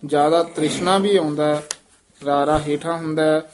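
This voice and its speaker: A man teaching scripture pronunciation, correcting and demonstrating words slowly and deliberately. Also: a little high, fairly even intonation, a little mellow, a little hiss or hum. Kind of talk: pronunciation lesson.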